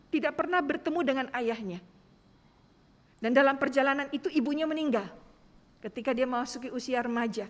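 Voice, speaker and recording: A woman pastor with a high voice tells a story in a sermon, earnest and emphatic. Her words ring out in a church with a long reverb.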